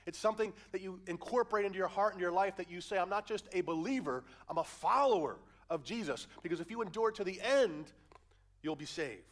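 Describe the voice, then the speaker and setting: Preaching through a head cold, the pastor reads and explains verses while engaging listeners with questions in a conversational manner. He sounds animated and quick, with a voice that sits high.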